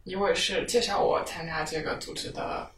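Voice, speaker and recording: A woman's voice: fairly low pitch, steady tone, normal speed, fairly bright tone. A woman hosting a casual podcast chat, asking playful questions. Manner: chatty, asks playful questions. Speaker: podcast host. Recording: roomy, distant mic with noise.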